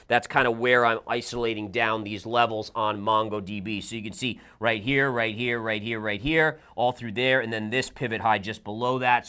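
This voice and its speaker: A man hosting a trading show walks through stock charts in brisk, live commentary. He thinks out loud and reacts as he reads the numbers, at an ordinary mid pitch. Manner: brisk, reacts aloud while reading charts. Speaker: market analyst host.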